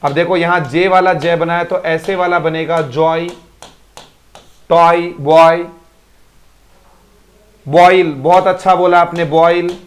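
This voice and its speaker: Even-toned man drilling pronunciation. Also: on the high side, slow, long pauses. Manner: drills pronunciation by repeating words; praises students by name. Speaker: English teacher. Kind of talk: live online class.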